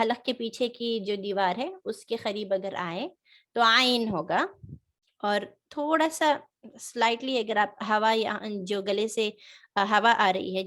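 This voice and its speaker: A woman teaching a Quran reading lesson online. She explains patiently, with many fillers, and slowly demonstrates throat and tongue sounds. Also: fairly high pitch, a bit bright.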